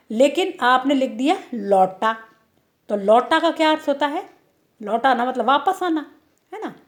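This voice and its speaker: A woman teaching a children's grammar lesson online, going slowly and repeating each word for the pupils. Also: on the high side.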